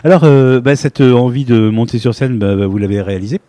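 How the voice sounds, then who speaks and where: A man's voice: medium pitch, fairly even intonation, brisk, mellow, no room sound. A man interviewing a performer, asking teasing, jokey questions in casual chat.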